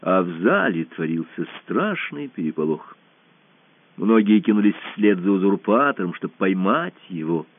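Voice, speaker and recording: A man's voice: deep voice, animated, moderate pace, no room sound. A man narrating an audiobook story expressively. The sound is dry and tinny.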